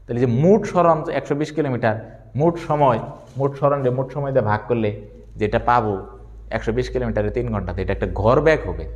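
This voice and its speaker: A man, lecturing on physics, who asks questions and answers them himself and repeats key terms slowly. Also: mid-range voice, long reverb tail, muffled recording. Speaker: physics teacher. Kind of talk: classroom lecture.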